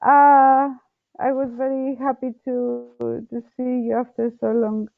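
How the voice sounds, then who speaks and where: A woman's voice: high-pitched, steady tone, unhurried, gravelly, no echo, narrow, tinny audio. A woman chatting casually on a group call, heard through thin call audio.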